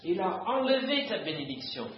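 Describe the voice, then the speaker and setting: A man's voice: sits high, sing-song, brisk, slight background noise. A man reading aloud, voicing a wronged elder son who pleads bitterly and with anguish. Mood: pleading. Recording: roomy, dull lo-fi recording.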